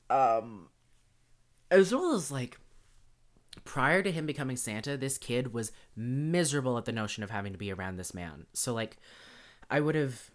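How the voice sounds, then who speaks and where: A woman hosting a podcast, ranting comedically about a film with profane, exasperated outbursts and many ums and restarts. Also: rumbling low. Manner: exasperated, profane, builds into loud incredulous outbursts; frequent ums and self-interrupting restarts. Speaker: podcast host. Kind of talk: comedic movie-review rant.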